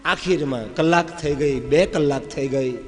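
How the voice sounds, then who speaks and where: A man from Gujarat telling a devotional story, animated and acting out the scenes as he narrates. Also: fairly high pitch, measured pace. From Gujarat, India. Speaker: religious storyteller. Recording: reverberant hall with faint music.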